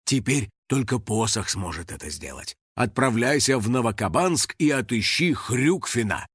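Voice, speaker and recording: A man's voice: mid-range voice, expressive, fairly bright tone, slightly rough, no room sound, clean studio sound, pitched below the performer's own voice. A man doing a grave old house-spirit elder. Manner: slow grave measured speech.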